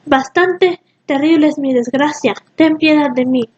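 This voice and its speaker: Woman reads a suffering young man from a storybook, high voice, muffled recording. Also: measured pace, darkish tone. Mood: sorrowful. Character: young man under a spell, suffering and pleading.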